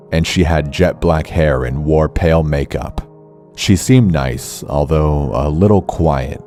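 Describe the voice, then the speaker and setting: A man narrating a scripted horror story in a calm, measured way. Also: a bass voice. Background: faint music.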